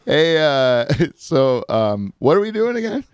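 A man's voice: fairly high pitch, big pitch swings, measured pace, clear, resonant tone, no echo, studio quality. A man hosting a podcast in casual chat, rambling and laughing as he tells stories. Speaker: podcast host.

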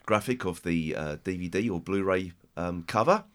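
British male podcast host, low and croaky with a chesty cold, casual and rambling. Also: a bit bright. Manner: halting, rambling delivery. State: chest infection, hoarse with a cold.

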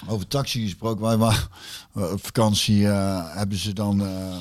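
A man's voice: on the low side, fairly even intonation, normal speed. A man in casual chat, telling a long anecdote full of fillers, curses and his own laughter.

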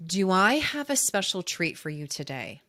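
A woman's voice: fairly low pitch, big pitch swings, normal speed, sharp tone. A woman hosting a love coaching podcast, speaking intimately to her listeners in a gushing way and leaning on key words. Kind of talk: podcast intro and promotion, addressing listeners intimately.

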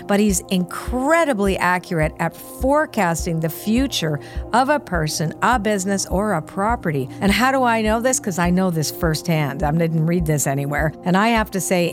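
A woman's voice: lowish voice, normal speed, soft background music. Enthusiastic woman podcast host. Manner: enthusiastic, emphatic. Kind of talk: interview introduction and questions.

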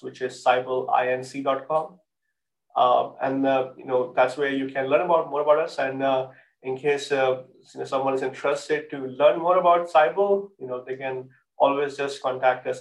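A man speaking as a startup founder in a podcast interview, answering haltingly with many hesitations, self-corrections and corporate jargon. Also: medium pitch. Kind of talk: interview answer, business pitch talk. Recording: roomy, echoey sound.

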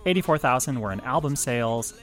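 A man co-hosting a music podcast, reading chart news with wry, animated delivery. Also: medium pitch, a little fast. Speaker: podcast co-host.

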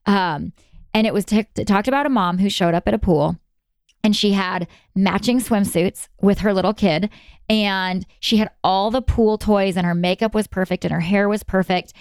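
Earnest woman guest, smooth dry voice. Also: mid-range voice, dry recording. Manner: earnest, storytelling with quick bursts. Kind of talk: conversational interview.

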